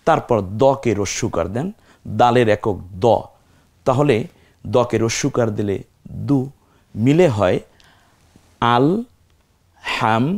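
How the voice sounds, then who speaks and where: A man teaching Quran recitation, building words syllable by syllable and repeating each one slowly. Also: mid-range voice, a little mellow. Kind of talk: step-by-step recitation lesson.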